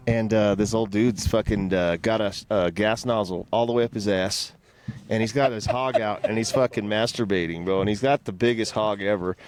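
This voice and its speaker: A man's voice: lowish voice, fairly even intonation, normal speed, darkish tone. A man hosting a casual podcast from a campsite, telling crude stories with lots of swearing and laughter. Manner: profane, laughing storyteller. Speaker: podcast host. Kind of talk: casual chat.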